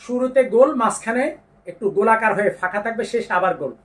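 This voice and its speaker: A man teaching Quran pronunciation, patiently explaining each letter and drawing out the sounds slowly. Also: sits high, fairly bright tone, far from the mic. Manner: slow drawn-out demonstrations of letter sounds, patient instructions. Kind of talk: step-by-step pronunciation lesson.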